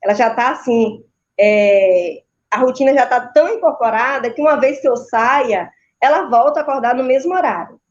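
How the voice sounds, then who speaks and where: A maternal and child sleep consultant with a Brazilian Portuguese accent answers interview questions didactically, her voice a little high at normal speed. She often checks in with tag questions, and the video call audio is dull and lo-fi.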